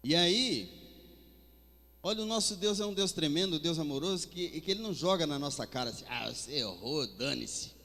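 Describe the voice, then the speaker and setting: A man preaching a sermon with fervor, his delivery swinging between soft and loud. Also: sits high, a little fast. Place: church hall. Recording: long hall reverb with faint music.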